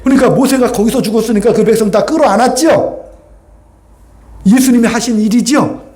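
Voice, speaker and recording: Brisk and extremely high-pitched, a male preacher delivers an animated, conversational Sunday sermon, often urging the congregation to answer with amens.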